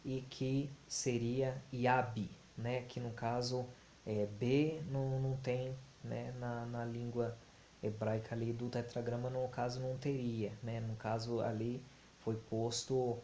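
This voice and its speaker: Slow, halting man in an echoey room. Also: mid-range voice. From Brazil. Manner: halting, many fillers and restarts; slow, deliberate, flat delivery. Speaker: Bible teacher. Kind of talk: explanatory talk on Hebrew grammar. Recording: echoey room with faint hiss.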